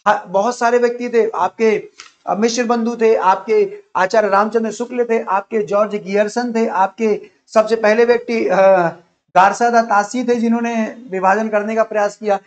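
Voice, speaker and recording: A teacher with a high-pitched voice delivers an online exam-prep lecture, explaining the syllabus and repeating himself as he enumerates each topic. His tone is steady and his speed normal, though the recording sounds dull and lo-fi.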